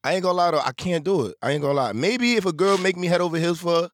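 A man's voice: sits high, very fast, slight background noise. A man in his twenties, a guest chatting casually and bluntly in street slang, often repeating himself. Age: 20s. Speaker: interview guest, rapper. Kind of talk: casual banter.

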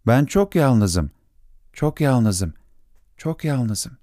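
A man voicing a gentle young boy prince who is polite and lonely, speaking in a softly raised, childlike tone. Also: on the high side, very animated, a little slow, no echo, studio quality, voice pushed up.

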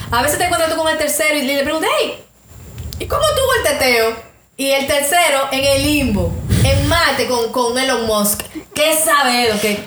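A woman's voice: a little high, echoey room, background noise. A woman hosting a podcast, lecturing her listeners emphatically in casual debate. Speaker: podcast host.

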